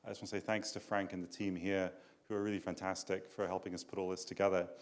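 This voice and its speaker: A middle-aged man giving opening remarks at a conference into a handheld mic, relaxed, with frequent fillers. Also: low-pitched, fast talker. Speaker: institute director, event co-host. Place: conference hall, standing.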